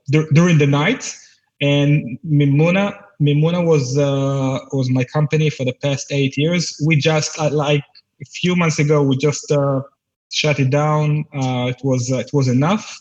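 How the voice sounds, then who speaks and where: A man's voice: medium pitch, darkish tone, highs cut off. A man, a guest on a podcast, speaking hesitantly with many restarts and fillers. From Israel. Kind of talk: casual interview chat.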